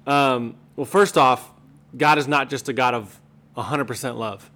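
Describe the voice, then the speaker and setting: A man's voice: mid-range voice, fairly even intonation, unhurried, a bit bright. A man co-hosting a podcast, chatting and explaining in a casual style. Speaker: podcast co-host.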